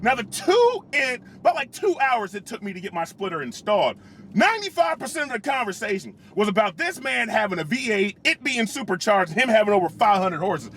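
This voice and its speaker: A man with a high, very lively voice tells a comedic roast story with animated sarcasm and over-the-top comparisons. A clear steady noise runs behind him, with car sounds. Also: brisk. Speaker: vlogger telling a roast story.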